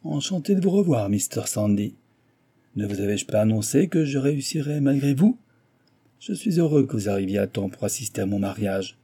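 A man's voice: on the low side, expressive, brisk, dark tone, breathy edge. A man voicing a proud, scheming scientist who taunts his enemy. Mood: taunting. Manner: boastful, taunting.

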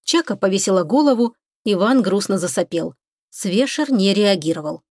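A woman reads an audiobook chapter in steady, expressive scripted narration. Her voice sits at a middle pitch. The recording is dry and close. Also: normal speed, no room sound.

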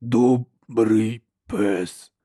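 A man voicing a huge, slow-witted male creature with a harsh, cracked voice, speaking in slow, halting single words. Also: mid-range voice, steady tone, mellow, slightly rough, no room sound, clean studio sound. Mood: childlike.

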